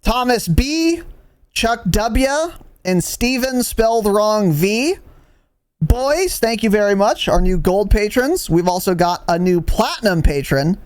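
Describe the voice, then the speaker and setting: Animated, profane young podcast host. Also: male voice, high-pitched, a little slow, clear, resonant tone, no echo. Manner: profane, mock-exasperated, jokey. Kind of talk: casual podcast chat.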